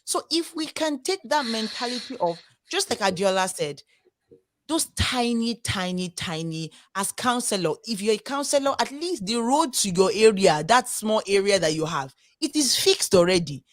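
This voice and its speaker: A woman's voice: mid-range voice, normal speed, no room sound, studio quality. A young Nigerian woman with a Nigerian accent, hosting a casual roundtable discussion and making her points earnestly and with emphasis. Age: young adult. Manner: earnest, animated, emphatic, repeats words. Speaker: discussion host.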